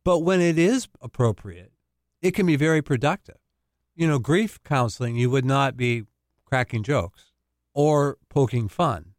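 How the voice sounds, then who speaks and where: A man's voice: mid-range voice, lively intonation, a little slow, no echo, studio quality. A male counselor talking casually on a radio show, explaining and laughing easily. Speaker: family counselor, guest.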